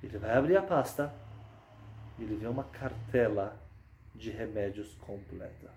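A man, telling a sermon story dramatically, dropping low and soft, then building to loud outbursts. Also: normal speed, reverberant, a little hiss or hum. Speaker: religious speaker.

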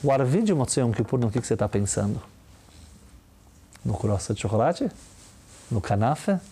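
A man with a Brazilian Portuguese accent giving a lively religious talk, full of rhetorical questions and quick mimicry. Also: mid-range voice, slightly rough. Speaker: religious teacher. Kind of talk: lively sermon-style talk.

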